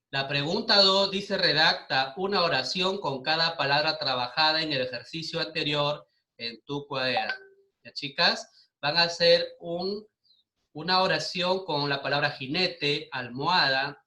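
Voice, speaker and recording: Man, Peruvian Spanish accent, schoolteacher, very bright voice, echoey room. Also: on the high side. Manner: patient, asks the class questions and repeats answers. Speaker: primary school teacher. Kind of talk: online class lesson.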